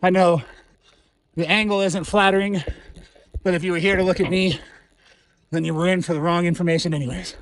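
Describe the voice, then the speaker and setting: A man with a fairly high voice talks to his viewers while cycling up a trail outdoors, and he is out of breath. He speaks in short, breathy bursts between pedal strokes. The sound comes from a camera mounted on his bike. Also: fairly even intonation, a little fast, long pauses. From Colorado. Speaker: real estate agent vlogger. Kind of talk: casual vlog while cycling.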